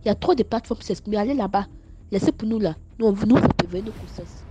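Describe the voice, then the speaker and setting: Speaking directly to her viewers in a casual storytime vlog, a young Ivorian woman with an Ivorian French accent talks animatedly and stammers, switching between scolding and telling her story. Her pitch is medium and her pace quick, with loud music playing behind her.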